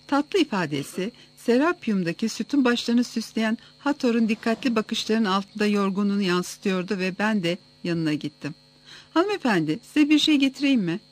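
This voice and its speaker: A narrator reading a first-person story aloud in a steady, even manner for an audiobook. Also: mid-range voice.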